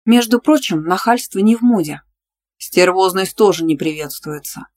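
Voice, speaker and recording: A cheeky young female student who banters back and bristles with indignation. A narrator reads her in an audiobook. Her lines sit a bit higher than the narration. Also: animated, moderate pace, darkish tone, lightly acted. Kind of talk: audiobook dialogue reading.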